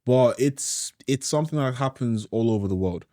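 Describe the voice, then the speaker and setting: A young man from Nigeria hosting a podcast, chatting casually in a relaxed, slangy way and saying "bro" often. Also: medium pitch, moderate pace, no room sound, studio quality. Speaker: podcast host. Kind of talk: casual chat.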